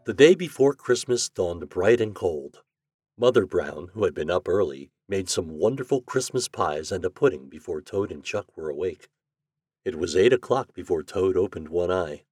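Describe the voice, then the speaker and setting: A man's voice: low voice, expressive, normal speed, darkish tone, husky, no echo, clean studio sound. A man reading a children's storybook aloud, narrating expressively. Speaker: story reader.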